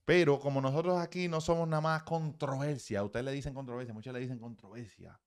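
A man's voice: medium pitch, steady tone, fast talker, a little mellow, clear, resonant tone. A man, a baseball hitting coach, giving blunt, profane, emphatic swing-analysis commentary.

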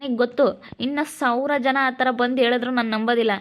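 A woman's voice: on the high side, fairly even intonation, fairly quick, lightly acted. Woman playing a protective, firm husband. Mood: firm reassuring. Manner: firm, reassuring, threatening toward rivals. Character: protective husband comforting his wife. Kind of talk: village family drama acting. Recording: dull lo-fi recording.

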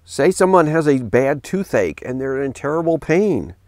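At a moderate pace, a middle-aged man who is a pastor and commentator reads a news piece aloud at a desk in his home office. He stops now and then to question it with earnest sincerity and uses a lower, flat tone for the quotes. The audio is echo-free and studio quality.

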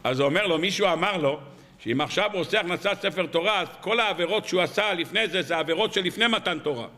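Rabbi, male, high bright voice, anecdote-driven weekly sermon with rhetorical questions, long hall reverb. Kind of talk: storytelling sermon on the weekly Torah portion. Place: evening lecture hall.

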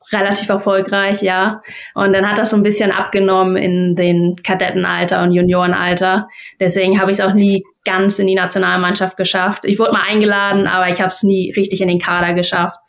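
A young woman from Germany, a guest athlete, answering interview questions casually over a video call in a plain, matter-of-fact way. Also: medium pitch.

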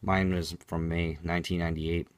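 A man's voice: low-pitched, flat delivery, moderate pace. A man giving an unscripted product demonstration in a matter-of-fact, explanatory way, as a reviewer.

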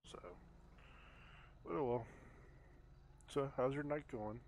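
A man's voice: mid-range voice, slow pace, a little mellow, slight background noise. A man chatting casually in game as he roleplays a patrol officer. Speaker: player acting as a patrol officer.

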